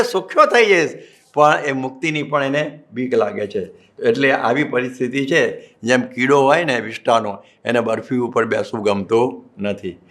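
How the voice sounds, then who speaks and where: Man, gujarati accent, monk preacher, storytelling sermon, sanskrit verses, medium pitch. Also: a bit bright. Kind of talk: Gujarati religious discourse.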